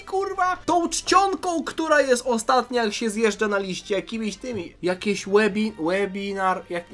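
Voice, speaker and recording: Youtuber excitable male comic reader, jokey, swears, faint music bed. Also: sits high. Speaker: youtuber reading a fan comic. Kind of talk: comic read-through with reactions.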